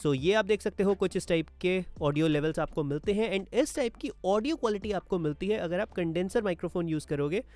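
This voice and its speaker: A man's voice: sits high, fairly quick, few pauses, darkish tone, no room sound, soft background music. Man demoing studio gear, dry sound. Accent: Indian. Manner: explanatory, mixes English terms into Hindi. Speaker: gear reviewer. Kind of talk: product demo walkthrough. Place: home studio. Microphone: wireless mic, then dynamic and condenser mics.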